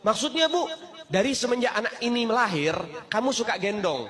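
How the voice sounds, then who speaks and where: A man's voice: sits high, expressive, fairly quick, crowd noise. A man voicing an upset mother who accuses her servant. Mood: accusing. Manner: accusing, questioning. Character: upset mother, wife of the saint.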